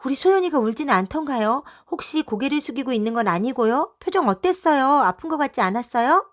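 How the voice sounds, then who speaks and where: A woman voicing a group of anxious young mothers who chatter in excited, high voices. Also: fairly quick. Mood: flustered.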